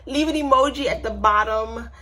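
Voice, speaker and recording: A woman's voice: a little high, moderate pace, pushed and bright. Chatty woman crafting on camera. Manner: chatty, talks to herself and viewers while working. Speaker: crafter making custom shirts. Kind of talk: casual vlog chat. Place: home craft room.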